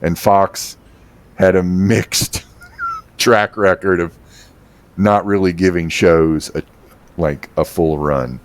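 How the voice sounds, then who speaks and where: A man's voice: low voice, wildly swooping pitch, takes it slowly, long pauses. A man in his thirties rambling casually as he streams a game, with lots of fillers and the odd swear. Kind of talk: casual gameplay commentary.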